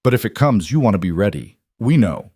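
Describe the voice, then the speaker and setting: A man voicing a calm rancher who speaks levelly and plainly. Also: fairly low pitch, fairly quick, husky, no room sound, studio quality. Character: calm, steady rancher husband. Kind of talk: audiobook character voice.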